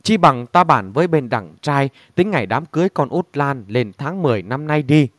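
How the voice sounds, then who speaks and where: A man's voice: medium pitch, lively intonation, normal speed, no room sound, studio quality, close to an everyday voice. A man reading as a worried mother. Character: anxious middle-aged mother.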